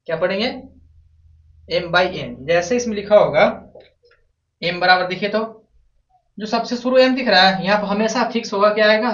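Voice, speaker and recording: A man's voice: sits high, fairly bright tone. A man teaching a math lesson at a board, asking his own questions and answering them. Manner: repeats questions to the class and answers them himself. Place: classroom with a board. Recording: echoey room, from a distance, dull lo-fi sound.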